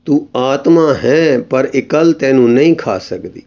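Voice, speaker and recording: A serene, gentle holy man, read by a man, speaking in a slow, solemn, measured way. His voice sits mellow and warm at a middle pitch. The sound is a little dull and lo-fi. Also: lively intonation.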